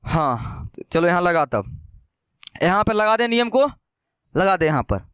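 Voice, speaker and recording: High-voiced, coaxing young maths teacher. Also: male voice, sing-song, unhurried, fairly bright tone, clean tone, dry recording, clean studio sound. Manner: coaxing, repetitive, keeps asking students questions. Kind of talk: online maths lesson.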